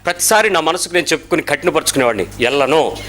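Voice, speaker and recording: Lively high-voiced male pastor preaching. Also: brisk, slight background noise. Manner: animated, asks the congregation questions and acts out prayers; mixes English words into his preaching. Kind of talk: sermon.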